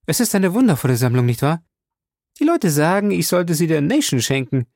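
A man voicing a chattering, warm-hearted older woman who gushes breathlessly. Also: a little high, very animated, fairly quick, creaky, no echo, studio quality, voice pushed up. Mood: gushing.

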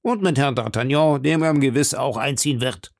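A man's voice: medium pitch, moderate pace, creaky, no room sound, clean studio sound, lightly acted. A man reading an audiobook, voicing a proud, defiant captain of musketeers who declaims boldly and insistently. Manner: bold, insistent, raised declaiming voice. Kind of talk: audiobook character voice.

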